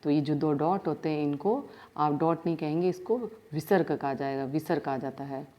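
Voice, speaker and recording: A woman school teacher, giving a grammar lesson and sounding out letters one by one. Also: low voice. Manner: explains step by step, sounds out letters slowly. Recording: dull lo-fi sound.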